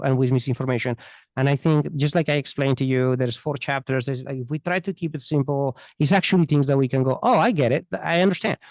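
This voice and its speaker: The speaker is a man, an immigration attorney guesting on a podcast, who answers unscripted with earnest emphasis and frequent repetition in a thick foreign accent. His voice sits at medium pitch with a slightly mellow quality, and there's no room sound.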